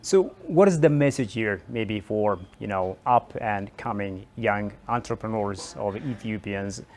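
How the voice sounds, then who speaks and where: A man's voice: on the low side, measured pace, darkish tone. A man hosting a televised interview show, asking long questions with many fillers and restarts. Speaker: TV talk show host. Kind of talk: broadcast interview.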